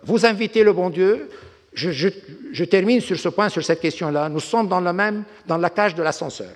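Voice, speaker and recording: An older Lebanese man, a diplomat, gives an unscripted lecture on geopolitics, scattered with anecdotes. His voice sits high and moves at a moderate pace, echoing through a reverberant hall.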